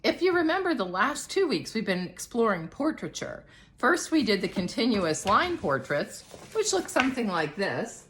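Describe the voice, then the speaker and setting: A woman's voice: medium pitch, fairly bright tone, a little hiss or hum. A middle-aged woman, an art teacher, explaining a drawing lesson in a chatty, demonstrative way.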